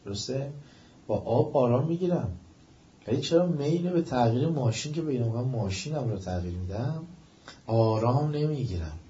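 A man giving a religious-ethical lecture, asking questions of his listeners and rising to emphatic, drawn-out stresses. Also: medium pitch, expressive, warm tone, slight background noise. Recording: echoey room, dull lo-fi sound.

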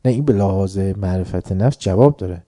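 A man's voice: sits low, dark tone, no echo, clean studio sound. A man giving an informal religious talk to an audience, conversational and joking, often mimicking other people's voices. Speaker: religious lecturer.

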